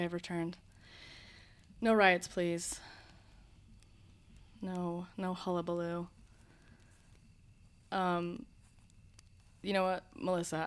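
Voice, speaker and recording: A livestream host with a fairly low voice and vocal fry chats casually with her viewers in a soothing tone. She addresses chat directly, chatty, teasing and self-deprecating.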